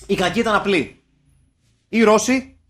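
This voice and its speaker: A young man from Greece co-hosting a podcast, chatting casually with animated, jokey rants and swearing. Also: sits high. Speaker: podcast co-host. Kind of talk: casual chat.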